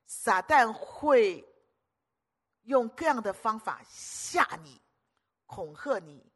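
A woman's voice: medium pitch, husky. An older woman preaching a sermon, emphatic, repeating phrases in lists and putting questions to the audience.

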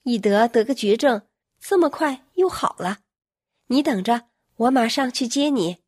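A woman's voice: fairly high pitch, lively intonation, measured pace, husky, no room sound, clean studio sound. A woman voicing an elder sister who teases in disbelief, read within a spoken story. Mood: amazed. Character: doubting, excited elder sister.

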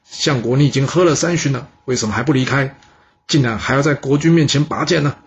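A man voicing a strong, loyal male bodyguard who speaks out loudly and sternly. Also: medium pitch, quick pace, highs cut off, natural voice. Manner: loud, stern protest. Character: mighty loyal male bodyguard, fiercely outspoken.

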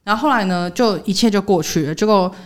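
A young woman, co-hosting a podcast and telling a workplace story in casual chat. She acts out what others said, jumping up in pitch for the quotes. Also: fast talker. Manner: animated retelling, voicing others' quotes with jumps in pitch. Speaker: podcast co-host.

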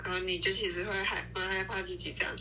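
A woman's voice: fairly low pitch, level tone, fast talker, sharp tone. A young woman talking casually as a podcast co-host, sharing personal anecdotes in an informal conversational way. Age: young adult. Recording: faint background noise.

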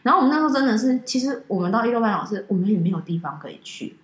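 Fast-talking woman, echoey room. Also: medium pitch. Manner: animated storyteller, acts out quoted dialogue. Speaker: podcast co-host. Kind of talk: casual chat.

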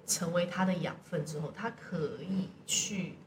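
A woman with a Taiwanese Mandarin accent chats casually on a podcast, telling things in an animated, colloquial way. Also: on the low side, unhurried. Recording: roomy echo, distant mic, noisy background.

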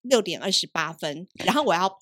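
Quick, lively woman telling stories. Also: lowish voice, no echo, studio quality. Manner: storytelling, acts out quoted voices. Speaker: podcast co-host. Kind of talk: casual chat.

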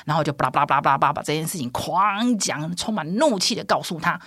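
A woman, a podcast host telling a personal story in a lively, heated way and acting out the voices. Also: sits low, fast, breathy edge, no echo. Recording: dry studio mic.

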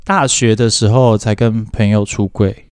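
A young man co-hosting a casual podcast, telling animated stories, laughing often and acting out the voices of people he quotes. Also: fairly low pitch, a little slow, clear, resonant tone, no room sound, clean studio sound. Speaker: podcast co-host. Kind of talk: casual chat.

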